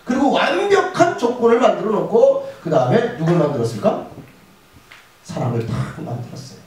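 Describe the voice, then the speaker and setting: Lively pastor preaching in an echoey hall. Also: male voice, sits high, a little fast. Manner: lively, acts out prayers and quizzes the audience. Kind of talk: chapel sermon to students. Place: school chapel. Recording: echoey hall, mic from far off.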